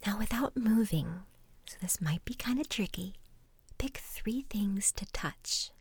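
A woman guiding a relaxation exercise in a soft, soothing ASMR whisper, breathy and gentle, close to the microphone. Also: mid-range voice, lively intonation, no room sound. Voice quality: breathy, unvoiced. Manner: slow, unhurried instructing with pauses.

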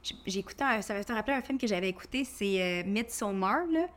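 A woman's voice: medium pitch, quick pace, a bit bright. A young woman co-hosts a podcast with a Québécois French accent. She talks in a loose, rambling way, leaning on fillers as she circles her point. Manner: chatty, rambling with frequent fillers. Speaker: podcast co-host. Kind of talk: casual chat.

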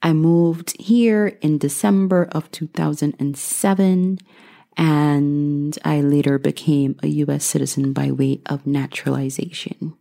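A woman's voice: deep voice, steady tone, a little slow, gravelly, dark tone. A woman in her thirties from Guyana, answering questions in a casual vlog with a reflective, dry sense of humor. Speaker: vlogger.

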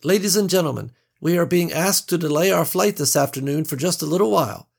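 A composed stewardess keeps her announcements calm and even, as a man puts her on in a raised voice. The delivery is gravelly and a bit husky. It suits a storybook read aloud. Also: a little high, brisk, pitched above the performer's own voice. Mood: calm, official. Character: composed adult female flight attendant.

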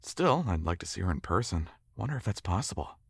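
A man playing a flustered, excitable newlywed husband. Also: low voice, a little fast, vocal fry, slightly rough, dry recording, clean studio sound, heavily acted. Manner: eager, flustered, stammering. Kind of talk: audio drama acting.

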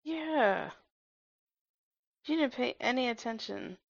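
A woman's voice: a little high, expressive, takes it slowly, vocal fry, dry recording, muffled recording. A woman chatting casually over a film, blunt and teasing as she comments. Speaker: movie reaction commentator. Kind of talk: casual film-watching chat.

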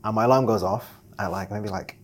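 A young man with a low-pitched voice tells a story in a relaxed interview. He talks fast and loose, full of fillers and quick bursts of laughter. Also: slight background noise. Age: young adult. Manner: animated storyteller, many fillers, laughs while telling. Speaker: guest, video production founder.

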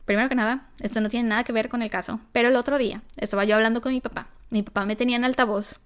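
Smooth-voiced Mexican woman telling a case. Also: a little high, racing. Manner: chatty, animated retelling with asides. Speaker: podcast co-host. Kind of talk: casual true-crime storytelling.

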